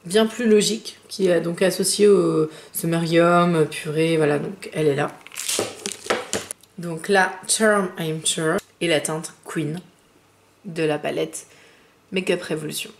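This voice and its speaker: A woman with a chatty manner, reviewing eyeshadow palettes and slowing down to name each shade. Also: fairly low pitch, steady tone, slight background noise. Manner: chatty, fillers, slows down when naming shades. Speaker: beauty vlogger. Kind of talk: makeup review with swatches.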